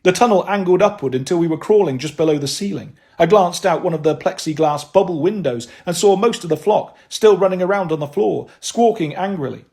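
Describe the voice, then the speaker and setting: Guy reading an audiobook, wry and dry, voice on the higher side. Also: brisk, gravelly, few pauses, darkish tone. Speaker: audiobook narrator. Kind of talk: first-person novel narration.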